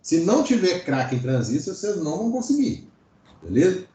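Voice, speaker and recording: A Brazilian electronics teacher lectures informally online in a high-sitting, dark-toned voice that swings widely in pitch and runs a little fast. The sound is lo-fi, roomy and echoing, and he explains things while frequently checking in with short tags.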